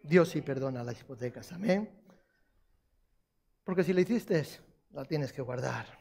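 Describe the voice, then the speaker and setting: A man's voice: fairly high pitch, lively intonation, a little slow, vocal fry, darkish tone, breathy edge. A man preaching a sermon, repeating key phrases for emphasis and putting questions to the congregation.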